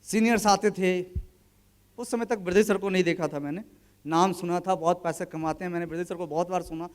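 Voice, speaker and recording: Man in his 30s, very high voice, colloquial motivational storyteller at a business event who acts out the dialogue. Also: steady tone, brisk.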